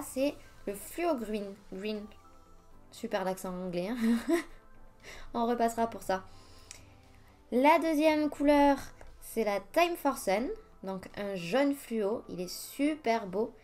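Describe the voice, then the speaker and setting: Faint background music accompanies a woman narrating her nail art process step by step. Her voice is a bit high and a bit mellow, and she's talkative and happy to laugh at herself when she slips.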